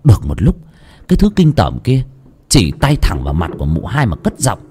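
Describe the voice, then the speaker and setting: Husky man telling a ghost story. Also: lowish voice, huge pitch swings, fairly quick, warm tone. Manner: dramatic, suspenseful storytelling. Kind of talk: village ghost story narration.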